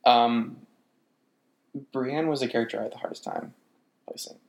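A woman co-hosting a casual chat, animated and opinionated, quick to disagree. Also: extremely low pitch, vocal fry. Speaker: podcast co-host.

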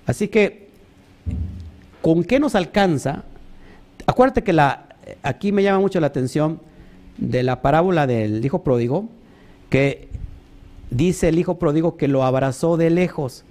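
A man preaching a sermon, animated, asking rhetorical questions and mimicking other people. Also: on the high side, a little slow, pauses often.

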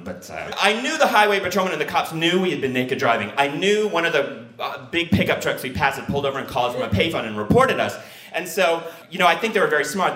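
A man telling a personal true story in an animated, excitable way. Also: reverberant. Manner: animated, excitable, acts out quotes with big pitch jumps.

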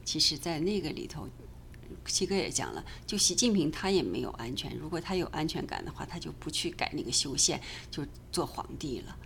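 Low, gravelly-voiced woman speaking softly. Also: very animated, fairly quick, a little hiss or hum. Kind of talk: casual spoken sharing.

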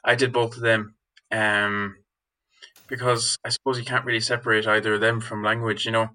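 A man's voice: fairly low pitch, flat delivery, moderate pace, bright, forceful tone, low-quality recording. A young man from Galway with a west of Ireland accent, answering interview questions as a student guest in a hesitant, informal way. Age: young adult.

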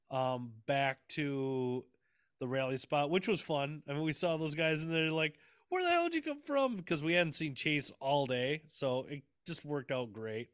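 A man's voice: on the high side, a bit bright, smooth, no room sound, clean studio sound. A man in casual chat, telling rambling stories with frequent laughs and swearing. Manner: rambling, laughing storyteller who swears freely.

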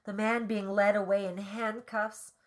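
A woman's voice: medium pitch, little pitch movement, measured pace. A woman co-hosting a comedy podcast, reading a novel aloud and breaking off for wry, profane commentary. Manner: wry, swears casually. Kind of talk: dramatic reading with comic commentary.

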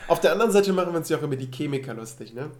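A man's voice: a little high, lively intonation, racing, darkish tone. A man from the Rhineland with a Rhineland German accent, a teacher chatting casually as a podcast co-host and telling classroom anecdotes. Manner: chatty, laughs easily, tells classroom anecdotes. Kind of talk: casual chat. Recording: echoey room.

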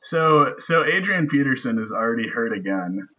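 A man's voice: medium pitch, animated, normal speed, dull audio. A man hosting a casual sports podcast, joking and self-deprecating with his co-hosts. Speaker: podcast host.

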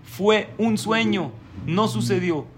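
A man voicing a calm, wise older rabbi of few words who firmly reassures a young man. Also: a little high, moderate pace, gravelly, background noise. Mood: reassuring.

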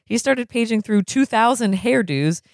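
A reader narrating a novel aloud in a relaxed way, breaking into laughter now and then. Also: mid-range voice, normal speed, no echo, studio quality.

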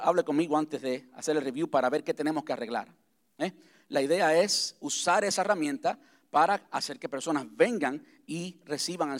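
A slightly high-voiced man, acting as pastor, lays out the church's vision to his congregation in the sanctuary. He keeps it conversational, restating key ideas and slowing to spell things out.

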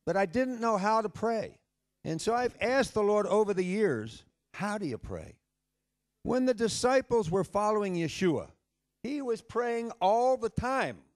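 A man preaching a sermon to a congregation in an animated way, acting out the voices he quotes. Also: on the high side. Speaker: pastor. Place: congregation hall, door open to wind.

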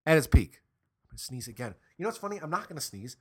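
A young man co-hosting a podcast in casual, animated chat, swearing and laughing often. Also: medium pitch, very fast, slightly rough. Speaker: podcast co-host.

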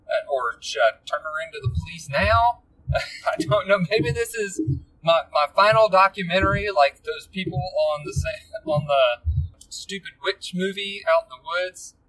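A man's voice: high-pitched, normal speed, a bit bright, breathy edge, far from the mic, rough recording. A man hosting a podcast, telling a story casually and rambling, often stumbling and repeating words. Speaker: podcast host.

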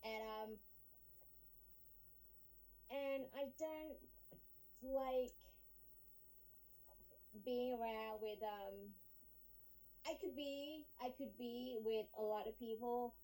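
A woman from Thailand with a Thai accent, talking as a podcast guest in a relaxed, simple way. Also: a little high, extremely slow, pauses often, low-quality recording. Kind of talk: casual interview chat.

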